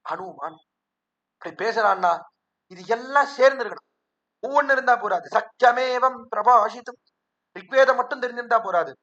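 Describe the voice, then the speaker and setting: A man's voice: high voice, bright, forceful tone, muffled recording. A man giving a devotional discourse, telling the story and acting out what the characters say. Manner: storytelling, acts out characters' speech. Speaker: religious discourse speaker.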